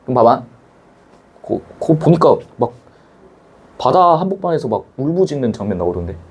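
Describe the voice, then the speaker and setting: A man's voice: mid-range voice, normal speed, husky. A man teaching a Korean language class in a casual, chatty way, talking to students in the room. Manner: animated, chatty, acts out scenes, blunt slang.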